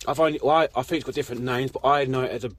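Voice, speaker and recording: He speaks very fast, at medium pitch and in a steady tone. This British amateur vehicle DIYer and vlogger gives a casual, self-mocking walkthrough while working, rambling into a handheld camera in and around an off-road vehicle outdoors. The recording, made on a handheld phone or camera mic, is noisy and full of vehicle ambience.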